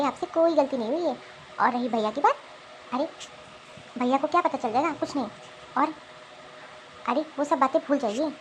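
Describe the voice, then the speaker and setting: A woman's voice: high voice, a little hiss or hum, lightly acted, rough recording. A woman voicing a cheerful middle-aged aunt. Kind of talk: animated cartoon voice acting.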